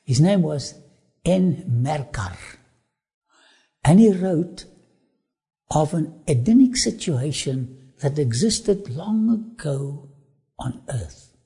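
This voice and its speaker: Presenting a travel documentary with sermon-like asides, a man whose first language is Afrikaans speaks with an Afrikaans accent in slow, emphatic, drawn-out phrasing. His voice is a little high, creaky and slightly rough, with a dark tone.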